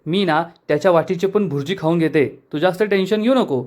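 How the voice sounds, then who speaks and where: A man doing a carefree young woman who teases and jokes without worry, with a fairly high voice. She is quoted in a storyteller's recap of a TV serial. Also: fast, a little mellow, lightly acted. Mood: cheeky. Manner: teasing and playful. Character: cheeky, carefree young woman, lovestruck daughter.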